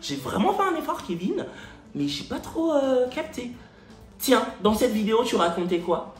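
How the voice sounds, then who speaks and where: A patronizing male recruiter who asks measured questions with polite condescension, as a man puts him on. The voice sits fairly high but is dropped a little. It rings in an echoey room with faint music underneath. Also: big pitch swings.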